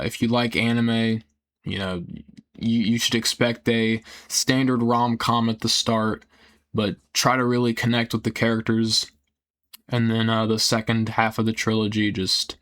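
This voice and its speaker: A young man talking casually and earnestly in a rambling, halting way that often trails off, with some casual swearing. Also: fairly low pitch, a bit bright. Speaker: video creator. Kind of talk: casual rambling personal talk.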